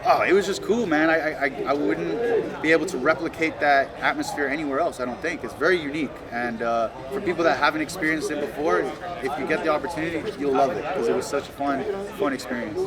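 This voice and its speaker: A man with a slightly high voice talks like a confident fighter after a bout. His speech is casual and slangy, halting and restarting as he goes. A busy crowd chatters clearly behind him. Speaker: professional fighter, interviewee. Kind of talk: casual post-fight interview. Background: busy crowd talking nearby.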